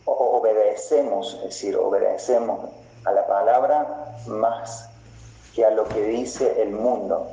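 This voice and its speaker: Slow, dark-voiced preaching pastor. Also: male voice, lowish voice, steady tone. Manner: slow, deliberate preaching with repeated phrases. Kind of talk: sermon. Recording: roomy, slightly dull recording.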